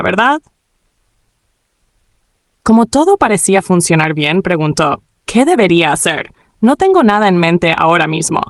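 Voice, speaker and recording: A woman giving scripted narration, reading quoted lines in a brighter, livelier voice. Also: on the low side, no echo, clean studio sound.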